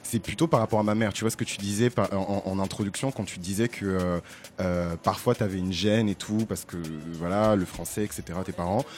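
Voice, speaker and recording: Fast-talking low-voiced man telling stories. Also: faint music behind. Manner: animated storytelling, restless restarts. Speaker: panelist. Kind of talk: casual panel discussion.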